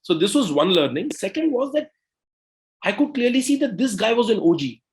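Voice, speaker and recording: Animated man telling business stories. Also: sits high. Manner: animated, fast bursts, frequent "right?" and "you know". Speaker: co-founder and CEO, podcast guest. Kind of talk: conversational interview storytelling.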